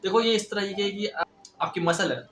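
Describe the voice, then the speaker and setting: A young man giving casual motivational advice in a vlog, talking fast and stressed, mixing in English phrases. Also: high voice, fairly bright tone. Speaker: self-improvement vlogger. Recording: roomy echo.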